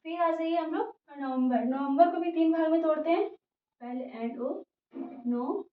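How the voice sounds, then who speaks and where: A woman teaches spelling and pronunciation, breaking words apart letter by letter and pausing to ask "okay?" between steps. Her voice is high. It sounds muffled and roomy, picked up from some distance away. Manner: spells words out letter by letter, repeats "theek hai" often. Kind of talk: English spelling and pronunciation lesson. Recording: muffled, echoey room, voice from a distance.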